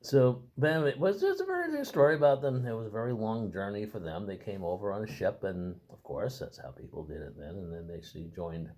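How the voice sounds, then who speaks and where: An older man talks through his family's past in a casual interview. His voice sits low but swings widely in pitch. He rambles and restarts often as he searches for details. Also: darkish tone. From Boston, Massachusetts. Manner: rambling, halting, with many restarts.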